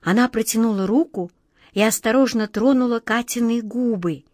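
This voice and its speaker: A woman narrating a children's fairy tale in an even, expressive reading style. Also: a little high, normal speed, dry recording, studio quality. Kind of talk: storybook reading.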